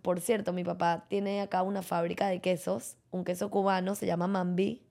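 Female guest from Venezuela, low register with some vocal fry, chatty and open. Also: level tone, moderate pace, dark tone. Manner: chatty, talks easily about her life. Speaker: guest, yoga and fitness instructor. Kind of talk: casual interview chat.

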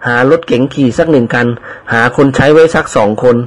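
A man's voice: medium pitch, fairly quick, lightly acted. A man reading the part of a fawning, money-dreaming male servant, slipping a servile polite tic into every sentence. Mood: eager. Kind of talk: audiobook character reading.

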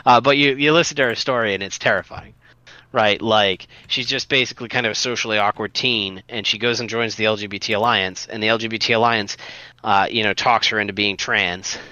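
Man, podcast co-host, casual chat, many restarts, low forceful voice, lo-fi sound. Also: fairly even intonation, fairly quick, no room sound. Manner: rambling, many restarts and fillers, earnest.

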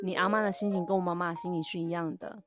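Animated Taiwanese woman telling stories. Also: on the low side, very fast, music in the background. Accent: Taiwanese Mandarin. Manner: animated storyteller who acts out quoted voices. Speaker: podcast co-host. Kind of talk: casual chat.

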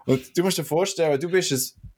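A man from Switzerland with a Swiss German accent, co-hosting a casual podcast chat and telling a story with lively acted-out moments. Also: fairly high pitch, fairly quick, breathy edge. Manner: animated storytelling, acts out shouting. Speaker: podcast co-host.

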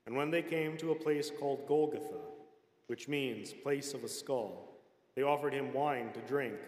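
Man reading scripture in an echoey hall. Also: medium pitch. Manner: measured, unhurried reading. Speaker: scripture reader. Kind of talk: solemn public scripture reading. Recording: echoey hall with long reverb.

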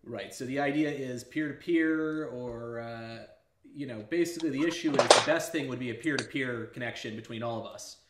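Excitable rambling man in an echoey room. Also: mid-range voice, moderate pace. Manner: excitable, rambling, jumps between thoughts. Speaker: podcast host. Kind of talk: casual chat. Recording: echoey room with loud background noise.

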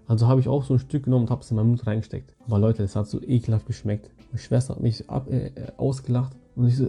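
Young guy rambling into his podcast mic, really dark husky voice, bit of music under it. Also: mid-range voice. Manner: slangy, rambling, addresses listeners directly. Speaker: podcast host. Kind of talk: casual storytelling monologue.

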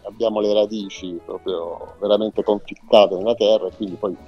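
Man, low voice, hesitant casual interview guest, lo-fi sound, clear music behind. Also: fairly even intonation. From Salento, southern Italy. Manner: hesitant, with frequent pauses and searching repetitions. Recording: dull lo-fi audio.

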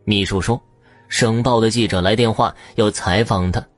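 A man narrating an audio story in an expressive, dramatic way. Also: lowish voice, moderate pace, no echo, soft background music.

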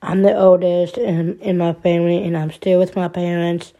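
A young woman in her twenties opens up in a subdued personal monologue. Her voice is dark and gravelly, and her delivery stays slow and flat. She stumbles, restarts and repeats words as she talks. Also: fairly low pitch, highs cut off. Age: 20s. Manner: subdued and troubled.

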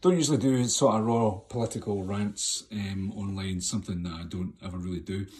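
A man's voice: steady tone, fairly quick, darkish tone, faint music behind. A man in his fifties, a filmmaker and actor ranting on his podcast, passionate and swearing a lot, in a poor-quality recording made with the camera set too far away. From Scotland. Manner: impassioned, heavy swearing, rhetorical questions. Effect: low-quality sound from a camera set too far away. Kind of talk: raw unscripted monologue rant. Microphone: camera microphone, not close.

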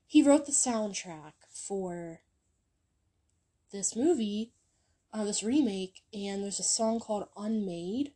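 A young woman talks through her favorite songs in a loose, rambling vlog chat. Her voice is mellow and soft-edged, and she takes her time. Fillers like um and like pile up between thoughts. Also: mid-range voice, husky. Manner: rambling, filler-heavy, lots of ums and likes. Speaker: YouTuber recommending songs. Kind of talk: casual music chat.

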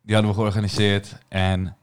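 A young man hosting a casual football podcast, relaxed and slangy. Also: on the low side, normal speed, a little hiss or hum. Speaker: podcast host.

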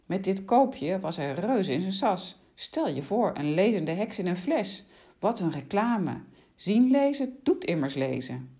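A woman narrating a children's story aloud with expressive, animated delivery. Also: fairly low pitch.

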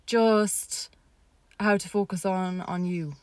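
A woman's voice: medium pitch, steady tone, slow pace, darkish tone. A young college-age woman with an Irish accent, co-hosting a podcast in casual chat. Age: young adult, college student. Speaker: podcast co-host. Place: outdoors on a walk in woods.

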